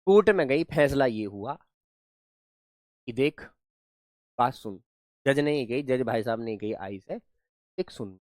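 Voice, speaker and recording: A man's voice: mid-range voice, expressive, a little slow, pauses often, darkish tone, no room sound, studio quality. A man teaching English grammar in a live online class, explaining through playful rustic storytelling.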